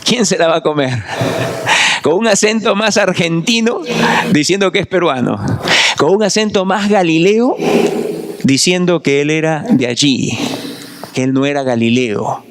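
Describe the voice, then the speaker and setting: A male pastor preaching, slightly higher-pitched than most men. He retells the story vividly, pausing to check in with his listeners with a quick question. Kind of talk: sermon.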